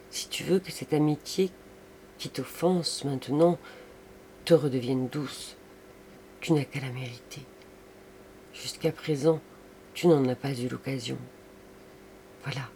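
A man voicing a tender but resolute woman ending a love affair, in a grave, measured audiobook reading. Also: medium pitch, gravelly, a little mellow, a little hiss or hum.

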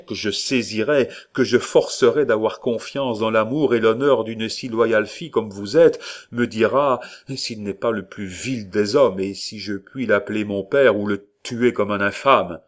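A man's voice: fairly low pitch, steady tone, measured pace, lightly acted. A man reading the part of a jealous, passionate young man of twenty-five, speaking heatedly and with emphasis. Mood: vehement.

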